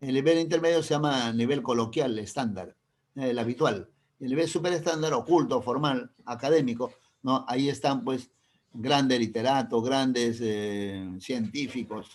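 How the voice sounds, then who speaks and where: A man's voice: mid-range voice, normal speed. A male teacher with a Peruvian accent, giving a classroom lecture, often checking in with his students and explaining through everyday examples. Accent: Peruvian Spanish.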